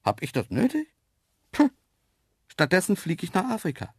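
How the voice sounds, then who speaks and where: A man narrating a children's story in the first person, lively and playful, with hushed asides. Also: high-pitched, moderate pace, slightly rough, dry recording, studio quality. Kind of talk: storybook reading.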